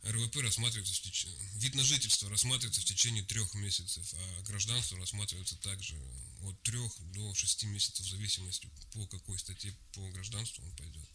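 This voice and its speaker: Official guy on the radio, lowish voice but really bright and forceful, formal, lots of uhs. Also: steady tone, fast talker, hardly any pauses, slight background noise. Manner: formal, bureaucratic, with hesitations. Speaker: migration service official. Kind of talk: radio interview guest.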